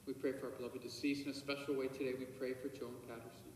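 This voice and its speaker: A priest with a medium-pitched voice and flat delivery says Mass at the altar of a big church. The recording comes from a distant camera, so the sound is echoey with a faint hiss, and he alternates solemn, measured liturgical recitation with softly murmured private prayers.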